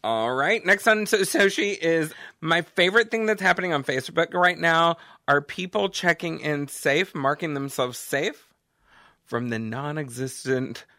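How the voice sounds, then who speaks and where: Bright-voiced chatty male podcast host. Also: on the high side, dry recording, studio quality. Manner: chatty, expressive, quick laughs. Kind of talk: casual chat.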